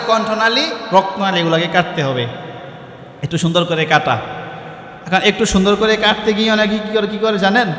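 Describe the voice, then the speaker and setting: A man's voice: sits high, fairly bright tone, roomy sound, in a large hall, a little hiss or hum. A man preaching a sermon who keeps asking his listeners questions and answering them himself, and chants Arabic supplications.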